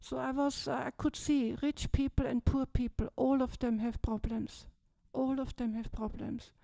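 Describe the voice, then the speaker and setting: An older Austrian woman with an accent, speaking as a Buddhist nun to a retreat group. She is chatty and keeps checking in with "yeah?", and her fairly high voice is soft and mellow. She holds a handheld mic, and the sound is dry and close. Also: level tone, normal speed, creaky, dry recording. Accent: Austrian German. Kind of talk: retreat talk, personal story. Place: large dim hall, seated on a low stage. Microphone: handheld microphone.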